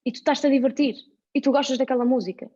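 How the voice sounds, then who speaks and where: A woman's voice: sits high, steady tone, fast, mellow, lo-fi sound, a little hiss or hum. A woman with a European Portuguese accent, a guest in a casual chat, talking animatedly with lots of examples. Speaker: podcast guest.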